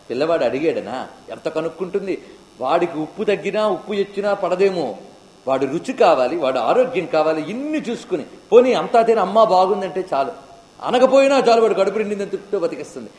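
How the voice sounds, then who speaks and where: A man's voice: on the high side, a little mellow. A man giving a devotional discourse with chanted verses, speaking with impassioned, rising and falling emotion. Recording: echoey hall with long reverb.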